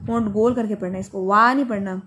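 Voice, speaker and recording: A woman teaching Quran recitation in an online class. She patiently corrects a student and slows right down to model each phrase. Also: medium pitch, steady tone, a bit bright.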